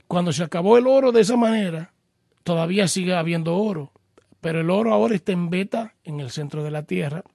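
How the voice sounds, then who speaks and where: A man's voice: fairly high pitch, vocal fry, a little mellow, husky, dry recording, clean studio sound. A man hosting a call-in program as a pastor, answering Bible questions patiently and explaining with everyday examples, calling the caller brother. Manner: addresses the caller formally as brother.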